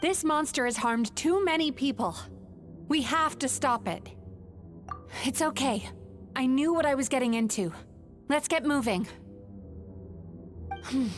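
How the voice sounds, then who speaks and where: A woman playing a composed, resolute dream-hunter guide in a video game, explaining things in a measured, serious manner. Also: high voice, animated, soft background music.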